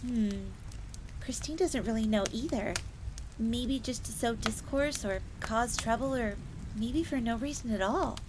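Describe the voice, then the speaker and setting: Played by a woman, this fox maid sounds high-pitched, young, earnest and secretive, passing along castle lore the way a servant might in an audio roleplay. She's unhurried and lightly acted, curious and explanatory, and talks about herself in the third person. Firelight crackles audibly in the background.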